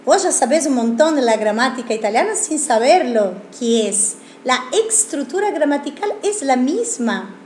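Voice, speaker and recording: A woman's voice: sits high, big pitch swings, moderate pace, hardly any pauses, darkish tone, slight background noise. A woman teaching a language lesson, asking rhetorical questions and explaining with examples. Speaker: Italian teacher. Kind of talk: video lesson. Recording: echoey room.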